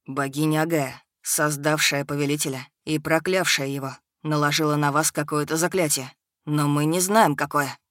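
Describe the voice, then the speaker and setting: A woman's voice: low-pitched, steady tone, normal speed, no room sound, clean studio sound, natural voice. A woman voicing a loyal male servant twin who speaks apologetically. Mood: apologetic.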